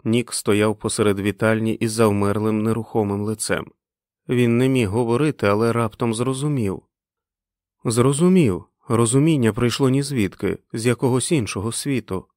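A man reading a novel aloud as audiobook narration, with expressive storytelling. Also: mid-range voice, normal speed, no echo, clean studio sound.

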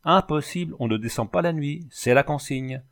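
A man reading the part of a gruff, sleepy village gendarme in a storybook, answering curtly and calling out from a window. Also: a little high, normal speed, pitched above the performer's own voice, lightly acted. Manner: curt, calling out from above.

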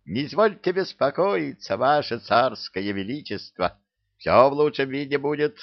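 A man's voice: medium pitch, lively intonation, moderate pace, no echo, highs cut off, voice pushed up, natural voice. A man voicing an eager, fawning male worker. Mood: obsequious. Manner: obsequious, eager.

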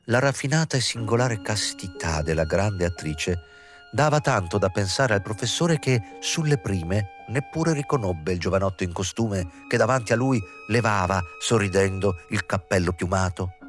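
Low-voiced man reading a novel aloud. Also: expressive, normal speed, faint music behind. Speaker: audiobook reader. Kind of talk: literary audiobook narration.

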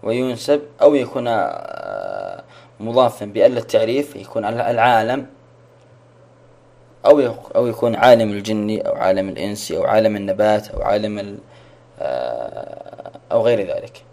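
A man's voice: on the low side, big pitch swings, brisk, vocal fry, darkish tone. A man teaching a religious lesson online, asking questions, repeating them and praising his students' answers.

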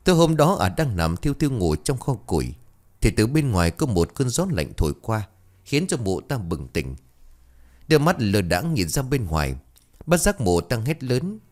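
A man narrating a ghost story in a dramatic, expressive way. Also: medium pitch, moderate pace.

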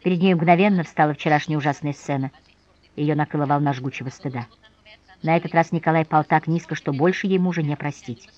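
A woman narrating an audiobook in a measured, expressive way. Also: low-pitched, muffled recording.

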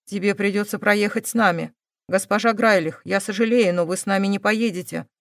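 A woman voicing a calm, stern male police investigator who presses with measured questions. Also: mid-range voice, no echo, clean studio sound, natural voice.

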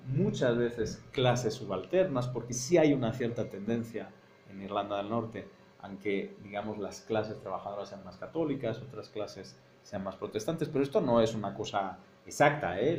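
A man's voice: lowish voice, moderate pace, a little mellow, reverberant, slight background noise. A man from Madrid with a Spanish accent, a university teacher giving a seminar lecture, who explains step by step and keeps checking that the class follows him. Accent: Spanish from Spain, Madrid. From Spain (Madrid). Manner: explanatory, thinks aloud, checks understanding with frequent "¿no?".

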